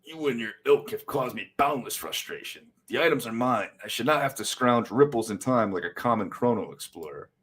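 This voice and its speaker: A man's voice: medium pitch, animated, brisk, hardly any pauses, fairly bright tone, slightly rough. A man voicing a grave male villain who commands time, speaking with haughty scorn while reading a comic aloud. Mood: scornful.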